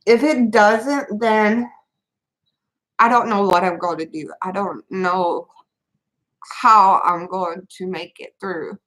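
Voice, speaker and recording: A mother of three venting to her camera, halting and rambling with many restarts as she holds back tears. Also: mid-range voice, a bit bright, low-quality recording. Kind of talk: tearful personal venting to camera.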